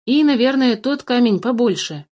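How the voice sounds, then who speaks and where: A woman's voice: on the high side, lively intonation, normal speed, darkish tone, voice pushed up. A woman doing a polite, earnest young boy. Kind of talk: storybook reading.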